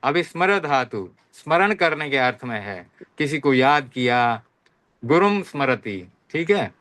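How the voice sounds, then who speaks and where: A man teaching a Sanskrit class, reciting verb forms one by one in slow, repeated drills and often checking that students follow. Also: medium pitch, lively intonation, a bit bright, no room sound. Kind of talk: online class lesson.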